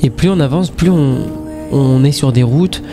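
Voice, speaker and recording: A man's voice: mid-range voice, normal speed. A man narrating his own travel vlog in a punchy, casual way full of slang. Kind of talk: voice-over narration. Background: music.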